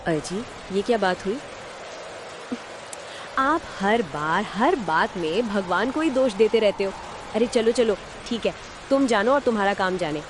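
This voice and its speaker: A woman voicing a pious village wife in a cartoon who gently urges her husband to trust in God. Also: mid-range voice, lively intonation, a little slow, background noise, close to an everyday voice. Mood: reproachful. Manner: gently coaxing, faithful, reassuring.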